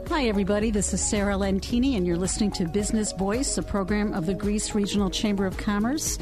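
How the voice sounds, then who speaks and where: A woman's voice: mid-range voice, fast talker, over music. A woman hosting a radio interview in a studio, chatty, with many fillers and restarts. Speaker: radio talk show host. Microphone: studio microphone.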